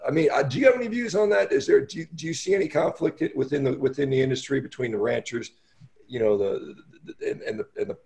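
An American man interviewing as a podcast host, casual, halting and rambling, often repeating his words. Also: mid-range voice, vocal fry, a little mellow.

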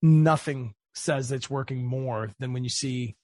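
A man's voice: medium pitch, measured pace, dry recording. A man interviewing a guest in a casual way, telling anecdotes and acting out quotes. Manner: casual, animated storyteller, acts out quotes. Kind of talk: conversational interview.

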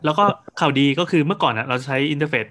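A man hosting a casual tech podcast, telling stories in an animated way and swearing casually. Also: fairly high pitch, racing.

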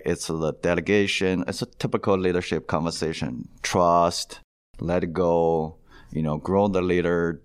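A man's voice: sits low, no room sound, clean studio sound. A man, chatting loosely as an interview guest with lots of fillers. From China. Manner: loose, chatty, many fillers and laughs, non-native grammar. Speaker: guest, company founder. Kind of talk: casual interview chat.

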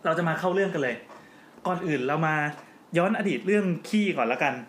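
A man's voice: on the high side, animated, quick pace. A man hosting a podcast in casual chat, joking as he explains at length. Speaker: podcast host. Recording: roomy with faint background noise.

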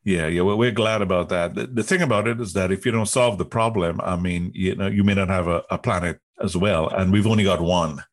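A technology executive with a Trinidadian accent and a husky, low-pitched voice speaks briskly with few pauses. As an interview guest, he explains things emphatically in conversation, often posing rhetorical questions.

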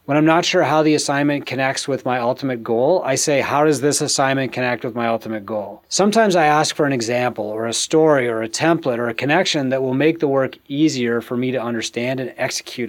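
A middle-aged man with a medium-pitched voice presents business advice to viewers. He speaks in a tidy, organized coaching manner, phrasing each point deliberately and stressing what matters. It sounds like a prepared monologue from a show host.

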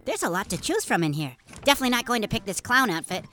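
A woman's voice: on the high side, big pitch swings, rapid-fire, a bit bright, faint music behind. A woman voicing an eager young boy superhero who feels unsure of himself in a children's audio drama. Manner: eager, a bit anxious.

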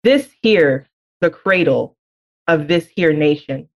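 A Birmingham, Alabama poet with no Southern accent and a low voice reads her poem slowly, leaning on each phrase with deliberate emphasis, then answers interview questions frankly and reflectively with light laughs. Her intonation is lively, and the recording sounds lo-fi.

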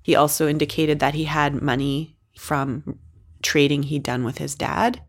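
A woman's voice: low-pitched, fairly even intonation, unhurried, breathy edge. A woman being interviewed, talking candidly and conversationally about her experience. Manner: conversational, frequent "like" fillers.

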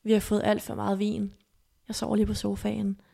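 A woman guest on a podcast, softly retelling a painful personal story, halting and emotional. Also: mid-range voice, monotone, vocal fry. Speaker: interview guest.

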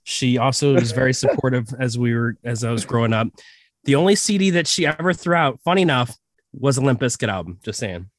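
A man's voice: mid-range voice, animated, fairly quick, no room sound. A man from a band chatting with a joking, dry sense of humor. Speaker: band member, guest. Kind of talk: casual chat.

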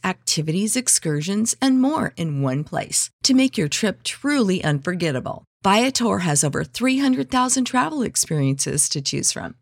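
Lady doing a travel ad read, a bit of vocal fry, dry close mic. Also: mid-range voice, no room sound. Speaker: ad reader. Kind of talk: scripted ad read.

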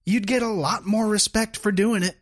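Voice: mid-range voice, steady tone, normal speed, background noise. A commentator reacting to a video clip in a sarcastic, mocking way. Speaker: political commentator.

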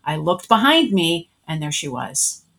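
Lively middle-aged woman telling her story. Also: sits low, a little slow, vocal fry. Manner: animated, acts out her own past thoughts in quotes. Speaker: guest, spiritual energy worker. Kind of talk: casual personal storytelling.

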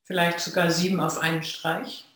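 A Zen practitioner gives a reflective dharma talk to a sangha, speaking in measured phrases with long pauses. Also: medium pitch, flat delivery, fairly bright tone. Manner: slow, measured, pausing between phrases. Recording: very echoey room.

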